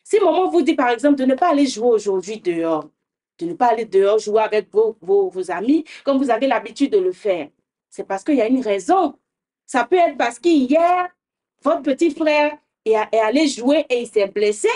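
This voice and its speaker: High voiced woman talking to little kids, gentle, keeps asking them questions. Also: expressive, moderate pace. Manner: gentle, questioning, often adds "hein?". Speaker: children's show host. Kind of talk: teaching young children.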